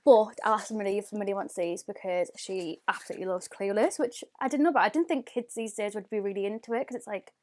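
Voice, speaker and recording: A woman's voice: medium pitch, fast talker, hardly any pauses, darkish tone. A young woman in her twenties reviewing makeup in a bubbly, gushing way, laughing often. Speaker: beauty vlogger. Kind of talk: casual product review.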